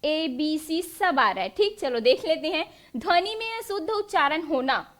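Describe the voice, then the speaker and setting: A woman's voice: sits high, sing-song, a little slow, a bit bright. A young woman teacher leading an exam-prep lesson, asking the class questions and answering them herself. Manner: drills students with quiz-style questions, then answers them.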